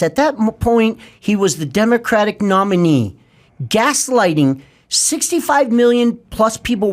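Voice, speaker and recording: A man in his fifties, a guest in an interview, speaking in an intense, insistent way with lots of detail. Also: high voice. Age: 50s.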